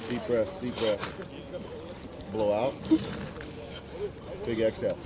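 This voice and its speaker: A man's voice: on the low side, little pitch movement, slow pace. A man instructing and casually coaching trainees outdoors on a frozen lake. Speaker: cold-water immersion instructor. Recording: windy, very noisy, distant camera audio.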